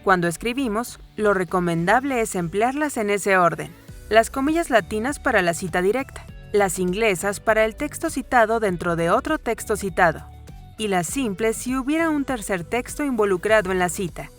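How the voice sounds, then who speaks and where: Woman narrating a grammar lesson. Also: mid-range voice. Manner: calm, even read with clear pauses. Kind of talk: scripted educational narration. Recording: voice-over with faint background music.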